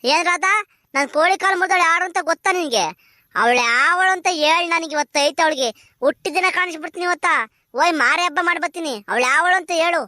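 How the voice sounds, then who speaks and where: A woman voicing a loud, quarrelsome old village grandmother in a cartoon comedy, scolding and threatening with a rural Karnataka Kannada accent. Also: very high voice, quick pace, dry recording, clean studio sound. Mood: demanding. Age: older.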